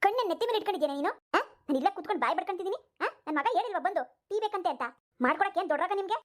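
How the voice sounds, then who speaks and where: A woman's voice: very high voice, lively intonation, racing. A woman voicing a bossy old mother-in-law who nags and complains in a cartoon. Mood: scolding. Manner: nagging, complaining loudly. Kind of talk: cartoon voice acting.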